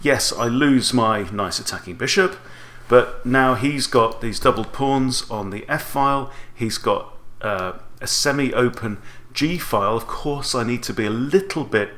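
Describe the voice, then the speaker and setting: A man's voice: mid-range voice, unhurried, hardly any pauses, fairly bright tone. A man in his forties giving explanatory chess commentary as an instructor, talking through options with rhetorical questions.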